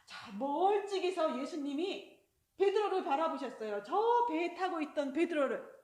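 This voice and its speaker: A woman telling a children's sermon story in an animated way, addressing the children directly. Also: high voice, moderate pace. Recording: roomy echo.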